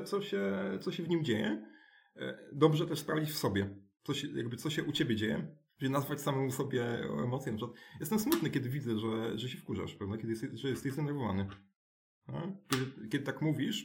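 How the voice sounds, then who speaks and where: A man, a school director, explaining his ideas in a conversational interview, halting with many restarts and tag questions. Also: on the high side, creaky. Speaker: alternative school director, guest.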